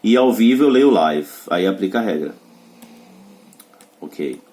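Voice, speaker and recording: Brief: male English teacher, slightly low voice, patient step-by-step explanations. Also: animated, measured pace, a little mellow. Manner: explains rules step by step, checks understanding with short tags. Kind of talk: pronunciation lesson.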